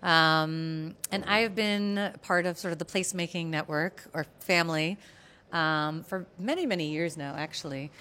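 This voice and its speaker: A woman's voice: low-pitched, fairly even intonation, normal speed, pushed and bright, slight background noise. An American woman speaking at a panel in a chatty, conversational way, with many fillers and restarts. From United States. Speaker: guest speaker at an urban planning event.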